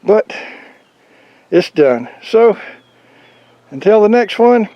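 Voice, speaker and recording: A man's voice: high voice, very animated, slow, no room sound, lo-fi sound. A man giving a casual, rambling video update on his motorcycle project, talking in a folksy, plain-spoken way outdoors. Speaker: motorcycle vlogger. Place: outdoors on a farm.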